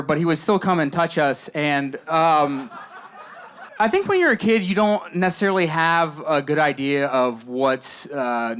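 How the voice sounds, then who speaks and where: A young man performing a deadpan stand-up monologue for a live audience, telling stories with dry, mock-earnest understatement. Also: fairly high pitch. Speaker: stand-up comedian. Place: live comedy show before an audience. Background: audience laughter between lines.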